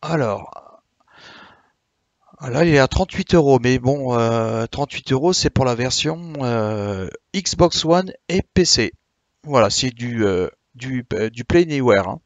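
A man streaming live, chatting casually with viewers, a bit tired, explaining slowly with many hesitations. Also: medium pitch, lively intonation, no echo, lo-fi sound. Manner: hesitant, many "euh" and restarts, friendly explaining. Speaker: Twitch streamer.

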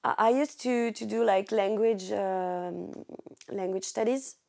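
A woman from France with a French accent, a podcast guest speaking in a halting, searching way. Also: mid-range voice, gravelly, a little mellow. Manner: hesitant, restarts often, searches for English words. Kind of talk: casual chat.

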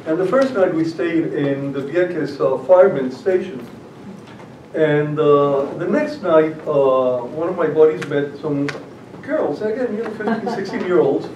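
An older man from Puerto Rico, speaking with a Puerto Rican accent, gives a public talk as a guest speaker in a library meeting room, telling stories with many fillers and restarts. His voice is a little high, a little slow, and darkish. A far-off camera mic captures roomy, distant, dull audio with slight background noise.

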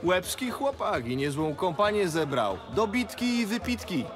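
An actor playing a hearty, talkative middle-aged innkeeper in a fantasy game, earthy and folksy. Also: male voice, high-pitched, big pitch swings, normal speed, faint music behind. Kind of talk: fantasy video game voice acting.

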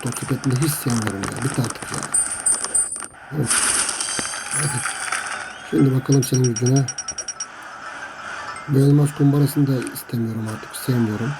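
A man's voice: mid-range voice, normal speed, pauses often, background noise. A man giving chatty gameplay commentary to his viewers, grumbling about the game and trash-talking his opponents. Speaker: mobile game streamer. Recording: music playing under the voice. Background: game music.

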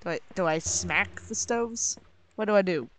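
A woman's voice: fairly low pitch, normal speed, background noise. A young adult woman giving casual, wry commentary while she plays a video game, muttering to herself. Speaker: game streamer. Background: faint game music.

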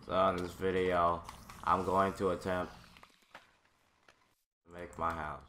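A man's voice: sits low, little pitch movement, slow pace. A man chatting casually while recording a survival game video, getting fed up with his friend. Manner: exasperated, repeatedly complaining. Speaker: gamer recording a let's play. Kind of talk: casual gaming chat. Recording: noisy home gaming mic.

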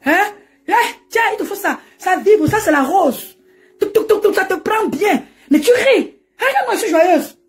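A woman's voice: extremely high pitch, animated, normal speed. A woman ranting and mocking on a live stream from home, laughing often as she talks into her phone. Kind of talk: animated Facebook live rant.

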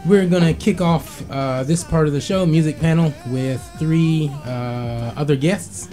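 A man hosting a casual radio talk show from a small studio, relaxed and halting, with many fillers. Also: fairly high pitch. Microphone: studio mic with headphones. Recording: music playing in the background.

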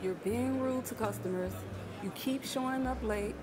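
An actress playing an apologetic boss who firmly lets a friend go. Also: female voice, fairly high pitch, normal speed, music in the background, crowd noise, lightly acted. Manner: firm, apologetic.

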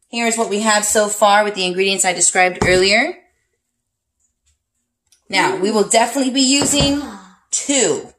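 A woman with a fairly low voice talks through a recipe in her home kitchen. Her tone is relaxed and chatty, and she counts out spice shakes as she goes. She is recorded by a camera sitting on the counter. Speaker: cooking vlog host. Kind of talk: casual cooking demonstration.

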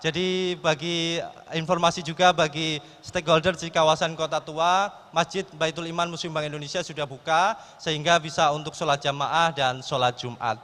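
A man works as MC at a live stage event. His voice is fairly high and comes through with a long hall echo. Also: steady tone, normal speed, a bit bright. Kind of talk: stage hosting. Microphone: handheld microphone.

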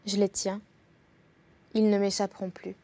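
A woman's voice: medium pitch, little pitch movement, unhurried, warm tone, close to an everyday voice. A woman voicing a wicked, greedy old witch who eats children, speaking sardonically. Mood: gloating. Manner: sneering, sardonic.

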